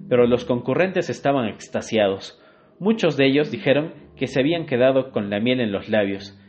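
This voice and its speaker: A man narrating a literary short story in a measured, expressive reading. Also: medium pitch. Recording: dull lo-fi recording. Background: faint guitar music.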